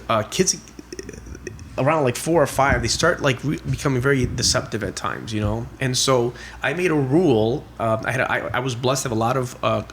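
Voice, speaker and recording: A man's voice: medium pitch, fairly bright tone, a little hiss or hum. A middle-aged man, a guest on a podcast, telling family stories in a chatty way, full of fillers and acted-out quotes. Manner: chatty, heavy on "you know" and "like" fillers; acts out family dialogue in quotes. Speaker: podcast guest, real estate investor. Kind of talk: casual storytelling interview.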